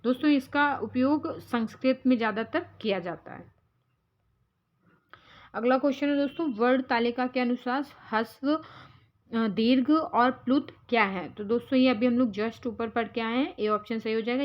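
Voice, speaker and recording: A woman's voice: fairly high pitch, moderate pace, highs cut off. A woman teaching as an exam prep tutor, going through quiz answers step by step and calling her viewers friends.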